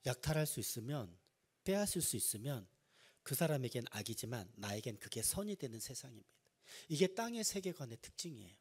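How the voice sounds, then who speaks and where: A man's voice: medium pitch, big pitch swings, brisk, darkish tone, slightly rough. A male pastor preaching a Sunday sermon, building emphasis and asking the congregation rhetorical questions. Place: church sanctuary.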